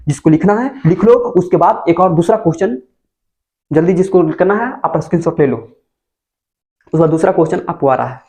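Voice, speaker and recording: A man's voice: on the high side, lively intonation, moderate pace, mellow. A male teacher, giving a chemistry lesson for board exam students. He keeps putting questions to the class and answering them himself. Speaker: school teacher.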